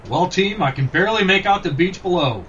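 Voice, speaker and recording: A man playing a weary but steady Alaskan musher who encourages his dog team in a children's audio drama. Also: high-pitched, brisk. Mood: steady, encouraging. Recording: distant, muffled mic with faint noise.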